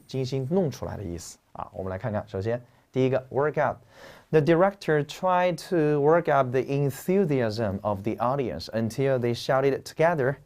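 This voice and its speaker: Joking, lively man teaching vocabulary. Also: medium pitch, normal speed. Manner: lively, joking, slangy explaining. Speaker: English teacher. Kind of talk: classroom vocabulary lecture.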